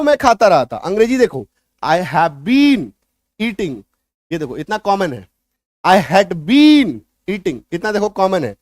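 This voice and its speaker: High-voiced man drilling English tenses. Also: no echo, studio quality. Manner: repetitive drilling, frequent "ठीक है" check-ins. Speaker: English teacher. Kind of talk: spoken English lesson in Hindi.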